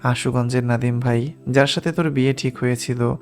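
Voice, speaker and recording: A man's voice: medium pitch, steady tone, moderate pace, a little mellow, natural voice. A man voicing a desperate young woman who begs insistently, in an audiobook reading. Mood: pleading. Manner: begging, insistent.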